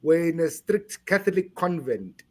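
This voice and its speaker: A man from South Africa being interviewed on a podcast, speaking haltingly and repeating words while he searches for them. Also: fairly high pitch, very animated. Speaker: guest.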